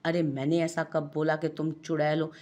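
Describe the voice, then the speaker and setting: A woman's voice: sits low, flat delivery, normal speed, dark tone, lightly acted. A woman with an Urdu accent voicing a playful young husband who teases his wife with mock innocence. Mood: teasing.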